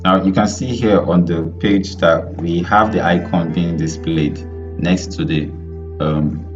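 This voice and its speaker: A male web development instructor teaching a live online lesson over a group voice call, talking in a halting way with many fillers and restarts. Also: sits low, steady tone, muffled recording, over music. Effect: heard over an online group voice call.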